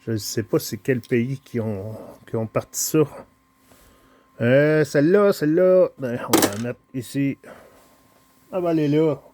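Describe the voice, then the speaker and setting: In a relaxed unboxing vlog, a Québécois man presents his collection of small cars, speaking slowly with lots of hesitation, pauses and fillers. His voice is mid-range and a little mellow. There's a slight hiss or hum on the recording.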